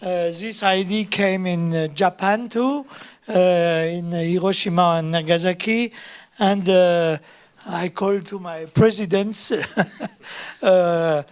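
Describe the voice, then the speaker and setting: Hesitant man, high slow voice. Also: steady tone, clear, resonant tone. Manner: hesitant, many fillers, non-native English. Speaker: audience member, peace activist. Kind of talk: question from the floor. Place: conference hall.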